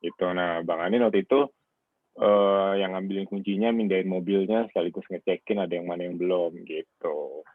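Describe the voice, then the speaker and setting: A man talks over a phone line in a relaxed, rambling way, full of fillers. His voice sits fairly low and comes through thin and tinny, with a dry, close sound. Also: brisk, no room sound. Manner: chatty, rambling, uses many fillers. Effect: heard over a phone line. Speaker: car wash owner. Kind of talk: casual interview over a call.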